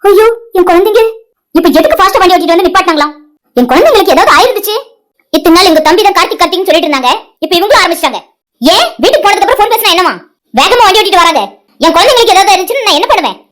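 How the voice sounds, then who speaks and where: A woman's voice: very high-pitched, lively intonation, very fast, a bit bright. A woman voicing a fretful young wife in an amateur cartoon, scolding as she talks.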